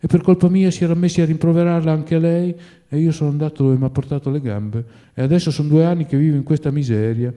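Fields: Figure: old male servant, poor and fond of drink, voiced by a man. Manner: plaintive, sighing, grumbling, calls on God. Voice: mellow, pitched a bit high. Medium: audiobook. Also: fairly even intonation, fast talker, close to an everyday voice.

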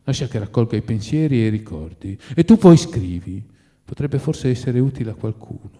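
A man voicing a calm, kind and firm gentleman who speaks in a measured, reflective way. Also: mid-range voice, voice pushed down, close to an everyday voice.

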